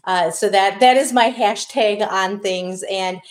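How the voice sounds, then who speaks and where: A woman's voice: medium pitch, takes it slowly. A middle-aged woman with a Wisconsin accent, chatting casually as an interview guest, self-deprecating and often restarting her sentences. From Wisconsin, USA. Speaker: guest, diversity consultant. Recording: echoey room.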